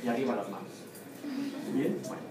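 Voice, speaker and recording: Mexican professor lecturing in an echoey classroom. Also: male voice, mid-range voice, normal speed. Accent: Mexican Spanish. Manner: lively, chatty, asks the class questions and answers them himself. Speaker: university biomathematics professor. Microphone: room or camera mic from a distance. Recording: echoey classroom, far from the mic, noisy.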